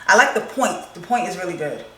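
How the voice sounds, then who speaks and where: A young woman vlogger chatting casually while doing her makeup, expressive and swearing freely. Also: lowish voice, brisk, far from the mic, a little hiss or hum. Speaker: beauty vlogger. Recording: echoey room, voice a bit off-mic.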